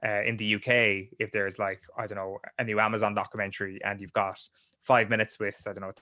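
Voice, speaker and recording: A man's voice: lowish voice, flat delivery, quick pace, bright, forceful tone, no room sound, clean studio sound. A sports journalist, a young man, talking casually as a podcast guest, with many restarts and fillers.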